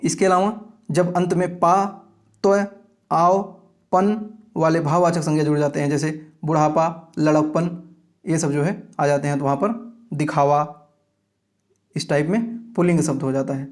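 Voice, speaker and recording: This grammar lecture for exam preparation is led by a man whose voice sits fairly high. Reading out examples in steady lists, he regularly pauses to confirm his students understand.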